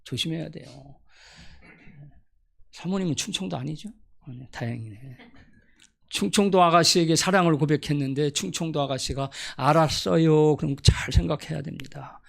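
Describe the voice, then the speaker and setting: A man's voice: on the high side, moderate pace, vocal fry, pauses often, a bit bright, husky. A middle-aged man from Gyeonggi Province preaching a Sunday sermon as pastor, telling folksy, humorous stories and acting out dialect quotes. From Gyeonggi Province, South Korea.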